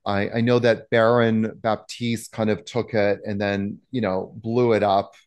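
A man's voice: on the low side, level tone, unhurried, darkish tone, clear, resonant tone. A middle-aged man, a yoga teacher, speaking emphatically and bluntly in a casual interview, with many fillers.

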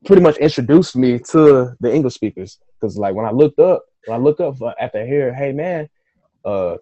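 Warm-voiced man telling a wild story. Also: mid-range voice, expressive, fairly quick, dry recording, highs cut off. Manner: loose, profane storyteller who acts out his own quoted thoughts. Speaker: author guest. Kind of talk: casual storytelling interview.

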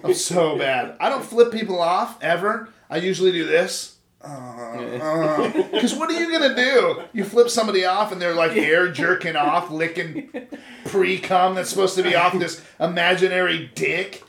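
Brief: high-voiced man, crude and profane, laughs a lot, echoey room. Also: animated, normal speed, creaky, fairly bright tone. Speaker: podcast co-host. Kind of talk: casual chat.

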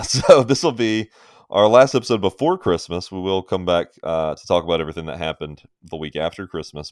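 A man's voice: sits low, no echo, clean studio sound. A man co-hosting a sports podcast in a casual, opinionated way, often laughing. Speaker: podcast co-host.

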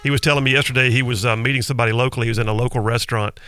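A man's voice: mid-range voice, steady tone, racing, bright, forceful tone, soft background music. A middle-aged man hosting talk radio in a folksy, emphatic storytelling way, close on a studio microphone. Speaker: radio talk show host. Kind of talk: conversational talk radio monologue. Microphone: close studio broadcast microphone.

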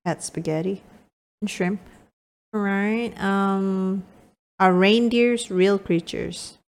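A woman's voice: medium pitch, fairly even intonation, slow pace. A woman co-hosting a podcast in casual chat, laughing often. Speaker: podcast co-host.

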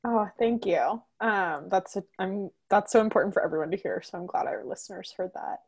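A woman's voice: mid-range voice, a little fast, husky. A young woman co-hosting a podcast, bubbly and effusive as she thanks her guest. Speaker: podcast co-host. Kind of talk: podcast interview.

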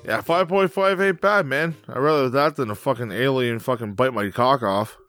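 A man's voice: medium pitch, normal speed, a bit bright, faint music behind. A young man co-hosting a podcast in casual, crude, joking chat, swearing freely. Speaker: podcast co-host.

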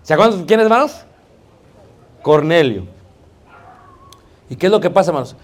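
A man's voice: on the high side, expressive, normal speed. A man with a Mexican Spanish accent preaching a sermon in a conversational, joking way, often calling out to the congregation. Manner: conversational, joking, keeps addressing the congregation as brothers.

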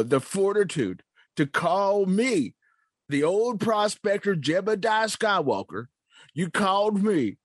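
A man voicing a boastful, cantankerous old male prospector in an improvised comedy bit, drawling slowly and self-importantly, clearing his throat between lines. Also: mid-range voice, no echo, studio quality, voice pushed down. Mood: indignant.

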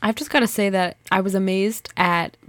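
A woman's voice: medium pitch, steady tone, moderate pace, a bit bright, dry recording. A young woman hosting a podcast, chatty and enthusiastic as she explains. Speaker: podcast host.

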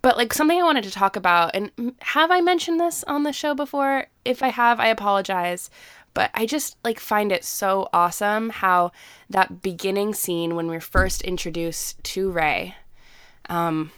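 A woman's voice: mid-range voice, normal speed, fairly bright tone, clean tone, no room sound, studio quality. A young woman co-hosting a podcast, talking enthusiastically and gushing, with many fillers. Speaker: podcast co-host. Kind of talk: casual fan discussion.

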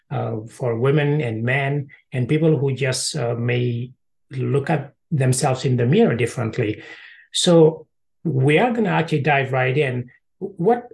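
A man's voice: medium pitch, creaky, a little mellow, husky. A man hosting a motivational podcast, introducing episodes and interviewing guests. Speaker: podcast host.

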